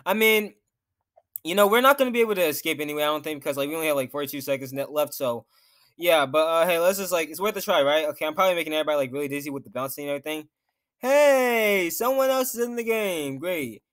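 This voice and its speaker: A young man on the jittery side narrates his own gameplay for YouTube, nervously talking to himself and reacting to the screen. His voice is on the high side, fairly bright and expressive, and he talks quickly.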